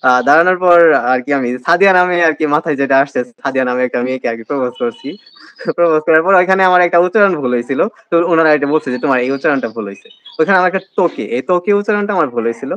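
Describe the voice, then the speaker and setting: A man's voice: a little high, animated, rapid-fire, fairly bright tone, dull audio. A young man telling the story of his admission test in a casual interview, with a Bangladeshi Bengali accent and many hesitant fillers. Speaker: admission candidate, guest.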